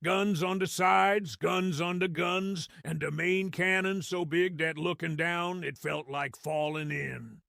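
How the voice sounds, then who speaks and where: A man voices a small, cunning, cowardly grot who narrates an audio drama in full character, with a gravelly, high-pitched, pushed and bright Cockney-style voice. His telling is wry, conspiratorial and streetwise, full of ungrammatical slang, and the studio-quality recording has no room sound.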